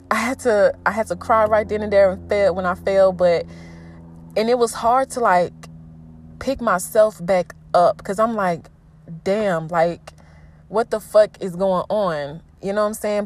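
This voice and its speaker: A young woman hosting her own podcast, talking candidly and with lots of swearing in a motivational, heart-to-heart monologue. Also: medium pitch. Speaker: podcast host. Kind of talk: casual solo podcast monologue.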